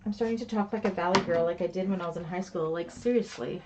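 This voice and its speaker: A woman's voice: fairly low pitch, rapid-fire. Woman, crafting instructor, chatty and self-mocking; slightly dull, lo-fi table mic. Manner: chatty, self-deprecating, talks to herself while working. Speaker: bag-making instructor. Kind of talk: live class instruction while sewing. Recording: slightly dull lo-fi with faint noise.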